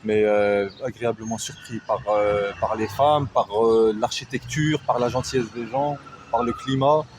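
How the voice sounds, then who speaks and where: A man from France and Canada with a medium-pitched voice gives an informal interview. He is hesitant yet opinionated as he talks. Clear outdoor city noise runs behind him. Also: fairly even intonation, normal speed. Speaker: interviewee, anonymous expatriate client. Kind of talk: casual testimony.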